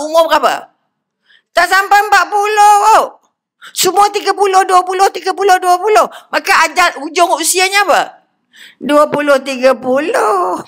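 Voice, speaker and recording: An older woman with a Malaysian Malay accent giving a lively religious lecture, often putting questions to her audience. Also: very high-pitched. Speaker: religious speaker.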